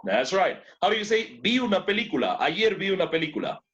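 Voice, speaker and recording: A man's voice: high voice, sing-song, a little fast, fairly bright tone. A man teaching an English class in two languages, who repeats words and keeps praising his students. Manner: switches between two languages to explain.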